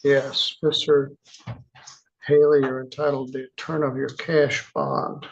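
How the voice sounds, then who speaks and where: Man, judge on the bench; gravelly, unhurried, plainspoken, recorded on dull courtroom audio. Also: medium pitch, level tone. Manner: measured, plainspoken, chatty asides. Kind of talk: courtroom proceedings.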